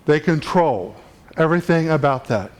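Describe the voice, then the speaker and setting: Addressing a live audience of peers in a conference room, a man delivers a motivational chiropractic talk that grows more intense as it goes, emphatic and preachy throughout. His voice sits a little high, with lively intonation and a normal speed.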